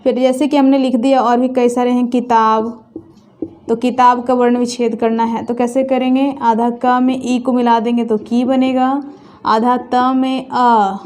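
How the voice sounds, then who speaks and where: A woman teacher explaining step by step, asking questions and answering them herself, and slowing down to sound things out carefully. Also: on the high side, level tone, darkish tone. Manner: slows to drawn-out, careful pronunciation of sounds. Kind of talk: classroom lesson.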